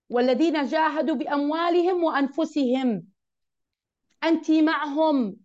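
A woman teaching a religious lesson to women, emphatic and often asking her listeners questions. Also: high voice. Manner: emphatic, asks the audience questions. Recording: dull lo-fi recording.

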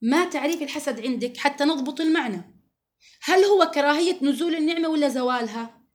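A woman teaches a religious lesson to a group of women. Her high voice moves along quickly, and she speaks with earnest emphasis, often quoting scripture. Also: animated.

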